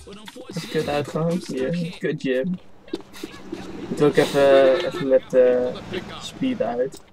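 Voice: mid-range voice, steady tone, slow, over music. A speaker with a Dutch accent, commentating casually on a video game, amused and swearing in surprise. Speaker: gameplay commentator. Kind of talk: casual gaming banter. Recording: loud keyboard clicking behind.

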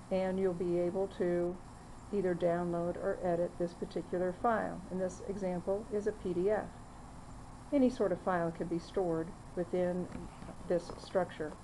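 A woman narrating a screen-recorded software demo, walking through the steps plainly with frequent fillers. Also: fairly low pitch, a little hiss or hum, poor audio. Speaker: software demonstrator.

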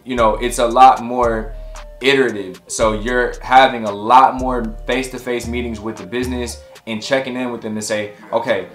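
Casting note: thirties male coach, casual explainer, echoey room, faint music underneath. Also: mid-range voice. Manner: relaxed, conversational, gestures while explaining. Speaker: tech career coach. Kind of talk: explainer to camera. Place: home office with window, indoors. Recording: roomy echo with faint music.

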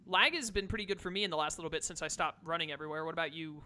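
A man chats and commentates casually while gaming with friends. He talks fast in a bright, slightly high voice. Some noise and keyboard clicking sit behind him. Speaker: gamer streaming with friends.

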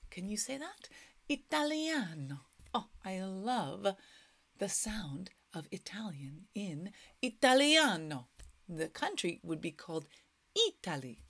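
A woman's voice: medium pitch, husky. A woman in her thirties teaching a children's music class, speaking playfully and exaggerating for little kids, often dropping into stage whispers.

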